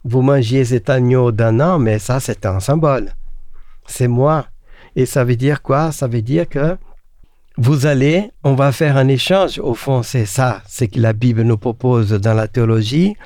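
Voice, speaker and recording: A man teaching the Bible in a relaxed conversation. He speaks earnestly and asks rhetorical questions, with frequent fillers and restarts. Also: mid-range voice, a little slow, no room sound, studio quality.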